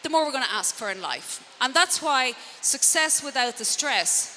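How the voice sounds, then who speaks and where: A woman's voice: high voice, lively intonation, normal speed, bright, forceful tone. A middle-aged woman with a west of Ireland accent gives a conversational motivational talk to a live audience, using rhetorical questions and wry asides about herself. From Connemara, Galway, west of Ireland. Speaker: transformative coach and speaker. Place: indoor event room before an audience. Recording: reverberant hall, clear background noise.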